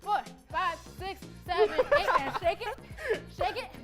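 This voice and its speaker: A young woman leading a Zumba workout, counting beats out loud with energetic, upbeat delivery. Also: extremely high pitch, measured pace. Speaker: Zumba instructor. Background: dance music.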